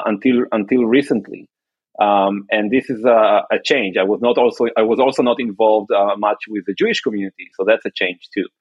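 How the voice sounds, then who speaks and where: A man from Israel, answering interview questions in a halting way, often restarting and searching for words. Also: fairly low pitch, breathy edge, no room sound, phone-quality sound. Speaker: guest, entrepreneur and activist.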